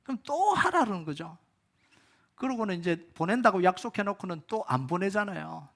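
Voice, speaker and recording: High-voiced, animated Korean pastor preaching. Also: male voice, brisk. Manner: animated preaching, swinging from loud emphatic peaks to low quiet asides. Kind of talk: sermon at a Friday prayer meeting. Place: church sanctuary.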